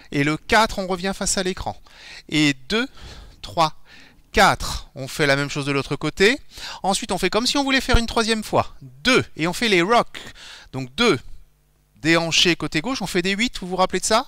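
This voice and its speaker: Male dance instructor, counts the beats aloud, animated, crisp clear voice, dry sound. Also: high-pitched, dry recording. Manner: counts beats aloud while demonstrating steps; explanatory, friendly instruction. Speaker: dance teacher. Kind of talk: live online dance class.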